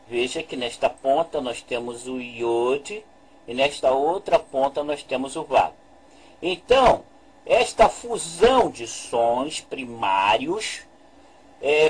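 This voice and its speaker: A man with a fairly high, husky voice teaches unhurriedly, leaning on repetition. He walks through each point carefully as he talks over a screen recording. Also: poor audio. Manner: slow, deliberate, repeats points with "veja bem". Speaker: religious language teacher. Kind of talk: slow explanatory lesson.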